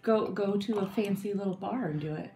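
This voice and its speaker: A woman's voice: medium pitch, brisk, mellow. A woman hosting a casual podcast chat, chatty and giggly, with hesitant restarts. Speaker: podcast host.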